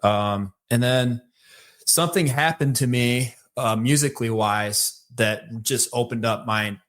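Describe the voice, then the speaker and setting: A man with a Michigan accent, a podcast guest telling his life story in a relaxed, rambling way with many fillers. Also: mid-range voice, measured pace. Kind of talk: casual storytelling conversation.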